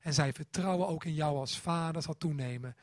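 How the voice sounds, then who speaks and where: High-voiced man preaching. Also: a little fast, no room sound, clean studio sound. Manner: animated, acts out quotes and a child's voice. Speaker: pastor. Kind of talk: sermon.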